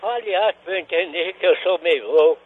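A man playing a cranky, suspicious old father who answers the phone gruffly and hurls insults. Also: high voice, moderate pace, phone-quality sound. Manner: gruff, insulting, keeps demanding who is calling. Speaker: prank call character. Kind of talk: comic radio prank call.

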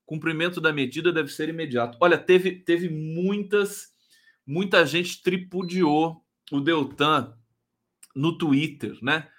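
A man with a Brazilian Portuguese accent hosting a live stream, gleefully reading viewer comments in an excitable, chatty way. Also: on the high side, slow pace. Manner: gleeful and excitable, breaks into shouts and laughs.

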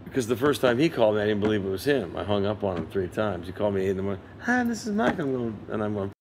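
A man's voice: on the low side, racing, noisy background. An older man, a session guitarist, telling stories in a casual interview and animatedly acting out the people he quotes. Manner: animated storyteller who acts out quoted voices.

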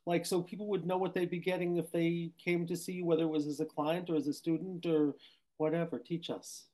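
A man's voice: on the high side, flat delivery, brisk, dark tone, rough recording. A man hosting a podcast, chatty and eager, who keeps saying "literally" as he asks his guest questions. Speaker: podcast host. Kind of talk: casual interview conversation.

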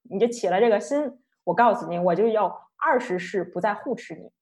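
A woman storyteller voicing a male guardian bodhisattva who speaks in a measured, deliberate way. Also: medium pitch, lively intonation, a little mellow, lightly acted. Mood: stern. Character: calm guardian bodhisattva, male, patient and stern.

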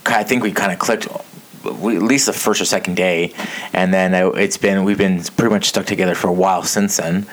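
A man's voice: deep voice, fairly even intonation, brisk. A man in his thirties chatting casually as the host of a podcast. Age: 30s. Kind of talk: casual chat.

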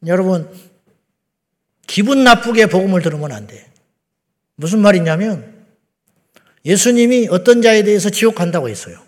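A middle-aged male pastor preaching a sermon in a blunt, conversational way, firing rhetorical questions and then dropping to a low, quiet voice. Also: lively intonation, moderate pace, long pauses. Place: large church sanctuary. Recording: long reverb of a church sanctuary.

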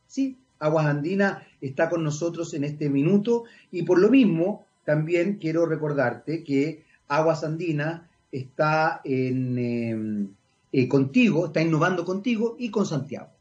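A man's voice: a little high, dull audio. A Chilean man hosting a casual radio interview, chatty and self-mocking, talking at length. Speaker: radio host.

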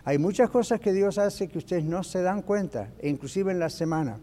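Animated preacher man in an echoey hall. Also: high-pitched, moderate pace. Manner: animated, switches into English phrases. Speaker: pastor. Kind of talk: teaching sermon. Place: church.

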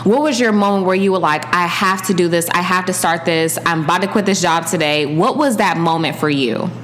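A woman's voice: fairly low pitch, fairly quick, fairly bright tone, a little hiss or hum. A woman hosting a podcast interview, introducing her guest in an upbeat, enthusiastic way. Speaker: podcast host.

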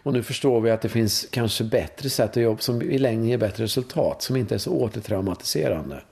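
Animated Swedish man telling stories. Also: lowish voice, gravelly. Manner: animated storytelling, frequent "va?" tags, swearing. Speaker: guest, course leader in sexuality and breathwork. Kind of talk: conversational interview.

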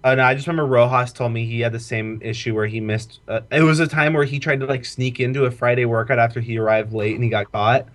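A man's voice: mid-range voice, fairly even intonation, fast, hardly any pauses, a bit bright. A young man talks in loose, casual chat. He rambles through the story with "like" in every line and swears freely. He sounds like a former college football player remembering his coach. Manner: rambling, heavy "like" filler, profane. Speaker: podcast co-host, former college football walk-on.

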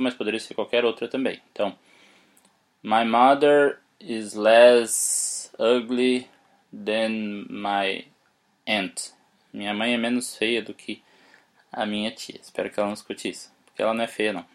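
A man with Portuguese as his first language giving a casual spoken English lesson, spelling words out letter by letter and slowing down for his example sentences. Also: fairly low pitch, level tone. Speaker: English teacher, podcast host.

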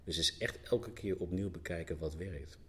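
Man, very low voice, halting, restarting sentences, reflective interview talk. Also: a little hiss or hum. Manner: searching, halting, many restarts. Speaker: poet guest.

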